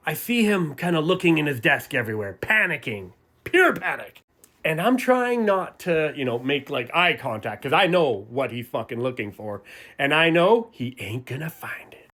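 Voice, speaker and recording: A middle-aged man telling a story to camera, with heavy swearing and lively acted-out bits. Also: fairly high pitch. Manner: profane, animated storytelling that acts out voices. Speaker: sobriety vlogger.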